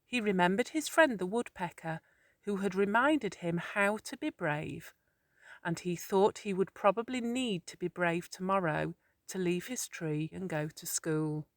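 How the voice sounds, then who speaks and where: Female storyteller, calm therapeutic bedtime-story read, unhurried, dry studio feel. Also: on the low side, dry recording. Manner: slow, soothing, measured.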